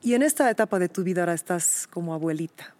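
A woman's voice: lowish voice, fast, darkish tone. A woman interviewing her former teacher, asking affectionate, coaxing questions in a casual chat.

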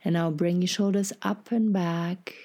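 Female meditation guide: soft spa-like half-whisper, low pitch, very slow, soothing delivery. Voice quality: soft, husky, breathy, often slipping into whisper. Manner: calm, unhurried, soothing instruction. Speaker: podcast host and meditation guide.

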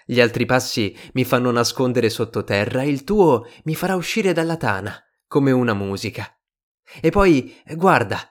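A man voicing a patient, slightly melancholy fox in an audiobook reading, calm and reflective. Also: mid-range voice, pitched above the performer's own voice, natural voice. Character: wise, gentle fox, patient and a little melancholy.

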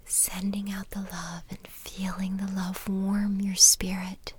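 A woman whispering a soothing guided meditation and a bedtime story in a slow, calm way. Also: medium pitch, background noise.

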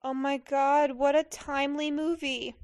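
A woman chatting casually while watching a film, gushing and expressive in her reactions. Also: sits high, measured pace. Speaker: movie reaction commentator.

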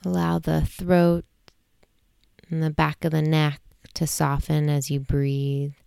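Lady doing a sleep meditation, real gravelly, smooth and mellow, slow and soft. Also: sits low, level tone, dry recording, studio quality. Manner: slow, soothing, hushed. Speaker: meditation guide.

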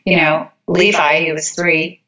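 A woman guest speaking in a thoughtful, measured way, often pausing on "you know". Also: low voice, fairly even intonation, bright, forceful tone, highs cut off. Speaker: interview guest. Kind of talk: reflective interview talk.

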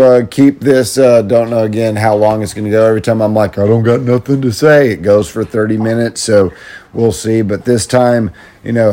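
Low, gravelly-voiced man rambling casually. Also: mellow. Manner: self-deprecating, mildly profane, meandering. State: voice worn from talking over crowds of children. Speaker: podcast host. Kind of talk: rambling casual gaming podcast monologue. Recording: noticeable background noise.

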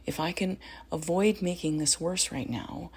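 A woman's voice: on the low side, unhurried, husky. A middle-aged woman giving parenting advice in a casual, earnest and encouraging way, often adding "you know" and "right?". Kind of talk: casual spoken advice talk.

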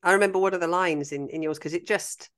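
A woman in her forties hosts a podcast conversation in a low voice. She talks through her opinions at length, steady and conversational. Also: fast talker. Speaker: podcast host. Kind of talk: conversational interview.

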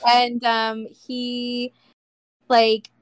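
A woman's voice: fairly high pitch, monotone, extremely slow, clean tone, no room sound. Woman in her 30s, podcast guest, chatty and heartfelt, lots of "like", dry close sound. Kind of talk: casual chat.

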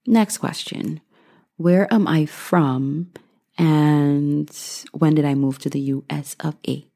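A woman's voice: sits low, fairly even intonation, takes it slowly, creaky, dark tone. A woman in her thirties from Guyana, answering questions in a casual vlog with a reflective, dry sense of humor. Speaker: vlogger.

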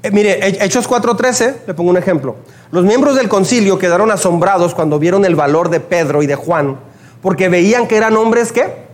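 A man's voice: high-pitched, normal speed. A man with a northern Mexican accent from Chihuahua, preaching a sermon and telling personal stories, acting out the lines of the people in them. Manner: animated, acts out quoted dialogue. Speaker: pastor.

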